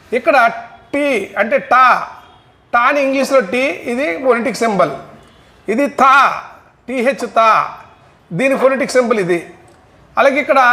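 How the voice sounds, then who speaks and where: A man's voice: extremely high pitch, fairly bright tone, reverberant. A man teaching an English phonetics lesson, patiently drilling sounds one by one and repeating them for his students.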